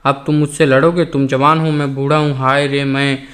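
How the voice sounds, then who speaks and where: A man's voice: mid-range voice, level tone, normal speed, a bit bright, close to an everyday voice. A man doing a frail, whiny old Englishman. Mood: whining. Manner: tearful whining, breathless.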